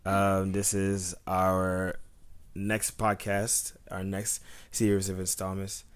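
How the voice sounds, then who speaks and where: Slower and smooth, this twenty-something podcast co-host from Tampa, Florida speaks in a low monotone without echo. He rambles and cracks jokes through the casual chat, leaning heavily on "you know."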